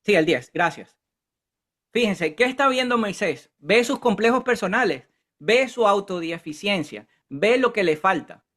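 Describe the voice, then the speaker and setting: A man's voice: sits high, lively intonation, measured pace, a bit bright. A man teaching a Bible study in a conversational way, often checking in with his listeners. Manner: conversational, keeps asking the group "¿verdad?".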